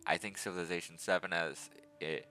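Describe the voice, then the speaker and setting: A man with a deep, low voice and a bright, forceful edge, talking through his strategy game footage in a chatty, rambling way. Faint music plays underneath. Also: fairly even intonation, fairly quick. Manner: chatty, rambling, self-aware asides. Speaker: gaming video host. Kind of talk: casual gameplay commentary.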